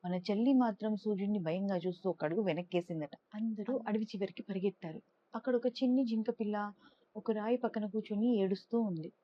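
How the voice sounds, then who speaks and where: A woman reads a children's bedtime story aloud, lively and expressive, in a middle-pitched voice. The recording sounds a little dull and muffled. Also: a little fast. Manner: lively, expressive, raises pitch for characters' lines. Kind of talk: storybook narration with character voices.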